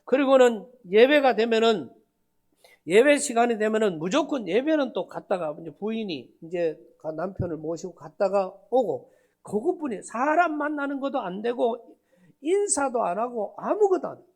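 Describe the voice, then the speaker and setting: A male pastor with a North Gyeongsang Korean accent, telling a story in a revival sermon, dropping to a hush and then rising loud as he acts out what people said. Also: very high-pitched, very animated, normal speed. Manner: dramatic, swings between hushed and loud, acts out quoted dialogue.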